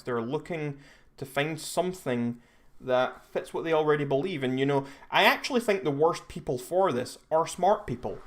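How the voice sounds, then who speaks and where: A young Scottish man hosting a live stream, chatting casually and rambling with frequent restarts and self-corrections. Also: mid-range voice. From Scotland. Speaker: livestream host.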